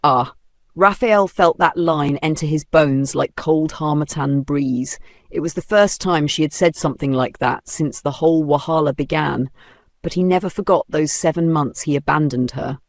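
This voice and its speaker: A man's voice: fairly high pitch, normal speed, no echo, studio quality. A man with a Nigerian accent narrating a dramatic story with playful, humorous asides.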